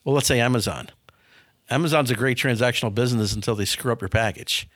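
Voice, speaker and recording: He talks fast, with a mid-range, fairly bright voice: a fifty-something business owner from a small town near Milwaukee, US. Answering casual interview questions frankly, he often repeats a word or two at the start of a sentence. The audio is studio quality with no echo.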